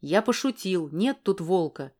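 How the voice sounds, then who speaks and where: A gruff, short-tempered grown man barks his lines, read by a woman narrator. The voice sits fairly low, clipped and snapping, in an audiobook. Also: lively intonation, measured pace, a little mellow. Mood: irritated.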